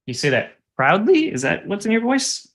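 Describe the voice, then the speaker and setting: A man's voice: high-pitched, wildly swooping pitch, normal speed, fairly bright tone. A man hosting a casual chat, asking curious, playful questions.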